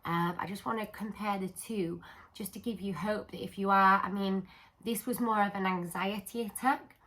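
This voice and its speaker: A woman's voice: mid-range voice, steady tone, moderate pace, fairly bright tone, rough recording. A woman talking candidly to camera about mental health, in an earnest, explanatory way. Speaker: vlogger.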